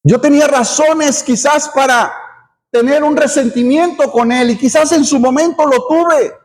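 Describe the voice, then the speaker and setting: A middle-aged man preaches from the pulpit in a strikingly high voice. His delivery is earnest, circling back on words and adding an amen as he makes his point. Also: moderate pace. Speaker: pastor. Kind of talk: sermon.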